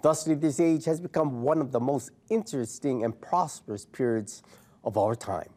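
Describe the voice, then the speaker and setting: A man preaching a scripted sermon as head pastor in a measured, formal way. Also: mid-range voice, a little mellow.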